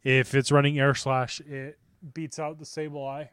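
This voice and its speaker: A man's voice: medium pitch, level tone, measured pace, a bit bright, clear, resonant tone, dry recording. A man co-hosting a casual chat show, upbeat and laughing often as he explains game strategy. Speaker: podcast co-host.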